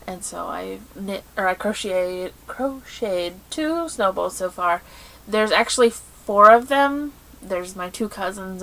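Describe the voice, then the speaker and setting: A woman co-hosting a podcast in casual chat, telling stories in an animated, exasperated way. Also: mid-range voice, rough recording. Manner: animated, exasperated storytelling with laughs. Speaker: podcast co-host.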